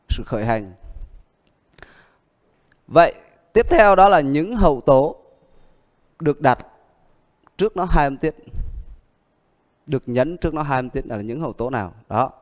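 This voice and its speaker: Man, English teacher, slow pace, exam prep lesson, repeats each word, echoing hall. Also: fairly high pitch.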